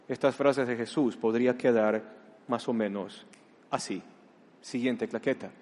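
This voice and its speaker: A man preaching a sermon as pastor, dropping to a hush and then rising to loud outbursts. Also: mid-range voice. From Ecuador. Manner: dramatic, swings from hushed to loud. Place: church hall. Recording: long hall reverb.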